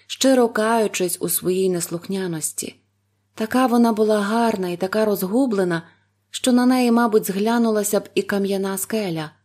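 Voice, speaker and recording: A woman narrating a fairy tale in an expressive, dramatic reading. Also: mid-range voice. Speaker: storyteller.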